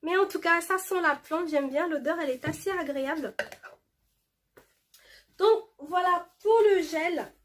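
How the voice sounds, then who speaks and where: A high-voiced woman hosts a casual beauty haul vlog. She reads product labels aloud in a loose, chatty way and pauses often on fillers. Now and then she drifts a little away from the camera mic. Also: slight background noise. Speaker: beauty vlogger showing a shopping haul.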